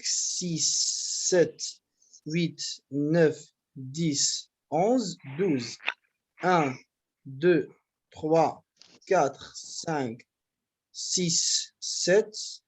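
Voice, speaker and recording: A man's voice: on the high side, darkish tone, breathy edge. A man with a Moroccan accent explaining verse to his class, hesitant and repeating words as he counts syllables. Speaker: student presenting in class. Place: university classroom.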